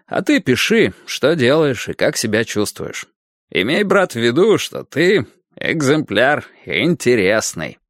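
A man reading the part of a kindly doctor who talks to a boy in a slow, familiar, fatherly way. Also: medium pitch, big pitch swings, no room sound, studio quality. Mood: friendly.

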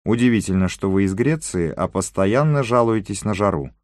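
A man voicing an excitable, talkative Frenchman in an audiobook, speaking with animated emphasis. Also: fairly low pitch, moderate pace, dry recording, studio quality, lightly acted. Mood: wry.

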